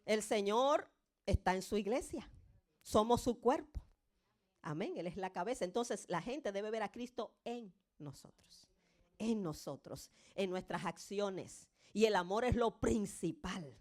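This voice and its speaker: A woman's voice: animated, a little mellow. A woman preaching a sermon in Spanish to a congregation, fervent and emphatic, addressing them directly as brothers and sisters. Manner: fervent, rising to emphatic peaks then dropping low and slow.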